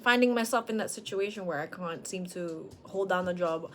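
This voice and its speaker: A woman's voice: on the low side, moderate pace, fairly bright tone, faint music behind. Candid woman in her late twenties. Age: late 20s. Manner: frank, rambling, self-questioning. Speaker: vlogger. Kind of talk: candid personal vlog. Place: at home with dogs.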